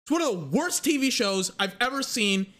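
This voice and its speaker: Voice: mid-range voice, lively intonation, a bit bright. A young adult giving a heated, profane sports rant. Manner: angry, profane, fast ranting. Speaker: sports commentator.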